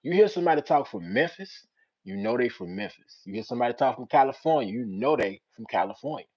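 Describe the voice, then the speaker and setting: A young man with a Richmond, Virginia accent, hosting a casual live-stream chat with viewers. He uses street slang and breaks into loud teasing. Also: mid-range voice, expressive, quick pace, highs cut off. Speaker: channel host.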